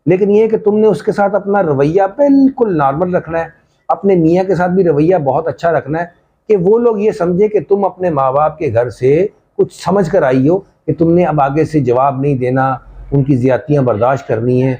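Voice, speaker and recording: A man's voice: a little high, moderate pace, warm tone, dull audio, natural voice. A man doing a scheming, patient mother. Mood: scheming, instructive. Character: scheming middle-aged mother giving calm advice.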